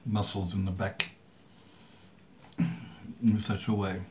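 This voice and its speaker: A middle-aged man from Sweden, talking casually to camera in a halting way with long pauses and throat clearing. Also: deep voice, level tone. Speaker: vlogger. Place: small room at home indoors. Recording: clearly audible background noise.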